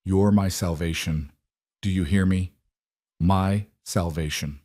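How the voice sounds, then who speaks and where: A man playing a rough, gruff frontier farmer in a storybook narration, speaking earnestly. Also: lowish voice, lively intonation, moderate pace, a little mellow, no room sound, studio quality. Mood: desperate pleading.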